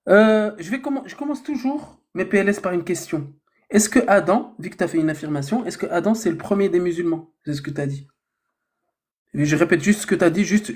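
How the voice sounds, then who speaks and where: A man hosting a heated live debate, arguing in a deliberate way and slowing down to quote scripture. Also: on the high side, a little mellow. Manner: argumentative, slow and deliberate when quoting scripture.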